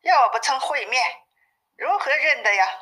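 A woman's voice: high voice, expressive, moderate pace, bright, forceful tone, pitched above the performer's own voice. Woman reading as a cheeky boastful monkey king. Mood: teasing. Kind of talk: storybook reading. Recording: narrow phone-like sound.

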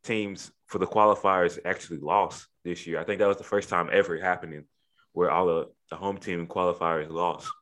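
A man in a casual sports chat, joking and slangy, with animated asides. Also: low-pitched, normal speed.

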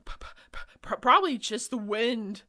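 A woman's voice: medium pitch, very animated, slow pace, fairly bright tone. A woman voicing a nervous boy ghost-hunter who stammers and shakes, reading a storybook aloud. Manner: shaky, stammering.

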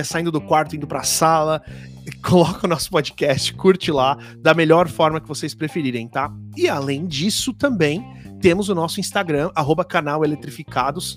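A man with a Brazilian Portuguese accent and a slightly high voice hosts a casual podcast. He talks in an informal, chatty way full of slang and little tag questions. Faint music plays along with his voice. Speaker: podcast host.

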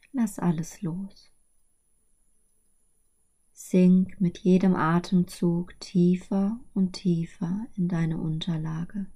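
A woman guides a sleep meditation with a soft, breathy, soothing voice of fairly low pitch, often hushed nearly to a whisper.

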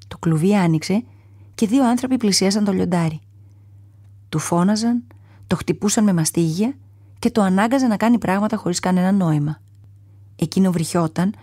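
A woman reads a children's story aloud in a calm, measured way, at times dropping to a soft whisper. Her voice is dark and husky, and the recording is dry and close. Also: mid-range voice, no echo.

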